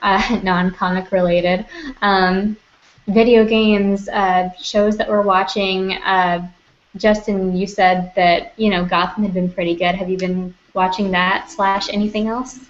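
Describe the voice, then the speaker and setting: Young adult woman, casual podcast co-host, animated and quick to laugh, muffled lo-fi audio. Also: mid-range voice. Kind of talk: casual chat.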